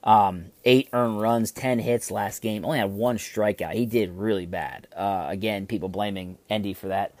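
A man hosting a casual sports podcast, talking in an excitable, rambling way with restarts and some swearing. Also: fairly low pitch, normal speed, hardly any pauses, no room sound. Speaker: podcast host.

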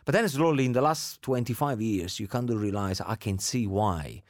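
A middle-aged man with an Italian accent chatting casually, animated and laughing often. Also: fairly low pitch, moderate pace, dry recording, studio quality. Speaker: guest. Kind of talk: casual chat.

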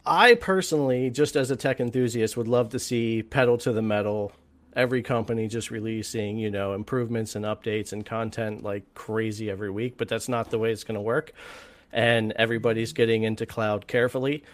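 Measured man giving his opinion. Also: lowish voice, fairly even intonation. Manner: measured, thoughtful, many fillers. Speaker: panelist. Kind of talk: casual panel discussion.

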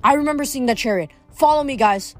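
Urgent, shouting teen girl rider, read by a woman. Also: sits high, fast talker, soft background music, pitched above the performer's own voice, close to an everyday voice. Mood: eager. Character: brave teenage girl riding a horse.

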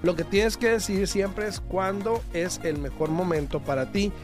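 High-voiced man co-hosting. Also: normal speed, over music. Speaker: radio show co-host. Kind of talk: casual on-air talk and commentary.

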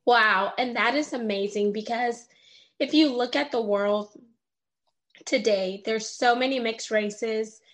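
A woman's voice: fairly high pitch, slow, a bit bright. A woman hosting an interview podcast, upbeat and enthusiastic as she introduces her guest and asks questions. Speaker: podcast host.

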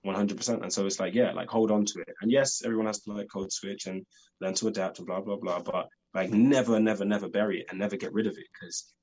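A young Londoner from the UK, an actor guest in a casual interview, talks eagerly and keeps leaning on "like". His fairly low, darkish, slightly rough voice moves quickly with fairly even intonation, and the recording is rough.

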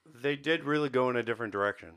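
Rapid-fire and smooth, a man co-hosting a podcast chats casually about movies and games. His voice is medium in pitch with a slightly bright quality.

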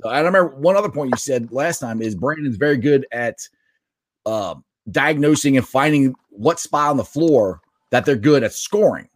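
A man interviewing over a remote call whose audio keeps dropping out and breaking up, talking in a halting way with frequent restarts. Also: medium pitch, animated. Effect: choppy call audio dropping out.

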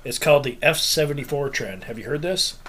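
A man's voice: mid-range voice, brisk, fairly bright tone, a little hiss or hum. A man hosting a podcast in casual chat, telling stories, laughing often and swearing freely. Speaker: podcast host.

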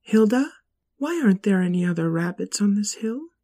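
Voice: medium pitch, animated, normal speed, mellow, pitched above the performer's own voice. A storyteller voicing a young, determined girl rabbit who talks earnestly. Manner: earnest, pleading.

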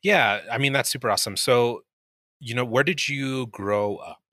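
A man hosting a podcast interview, teasing his guest, laughing often and talking with halting fillers. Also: mid-range voice, pushed and bright, no echo, studio quality. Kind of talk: casual interview chat.

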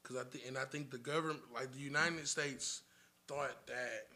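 A man's voice: medium pitch, steady tone, moderate pace, sharp tone. A man on a casual podcast, telling a long story in a rambling, profane way and laughing often. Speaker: podcast guest.

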